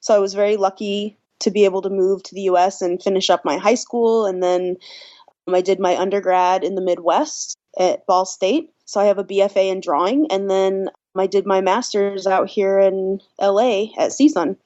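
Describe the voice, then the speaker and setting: A woman in her thirties from the Bahamas, an artist and teacher, answering interview questions in a relaxed, storytelling way with some fillers. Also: medium pitch, normal speed, muffled recording. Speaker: guest artist and art teacher.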